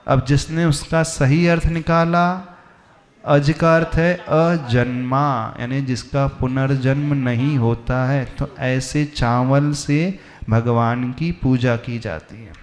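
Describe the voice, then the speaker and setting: A man's voice: medium pitch, fairly even intonation, slow pace. A man, a monk, giving a sermon and teaching with emphatic rhetorical questions. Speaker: Jain monk preacher.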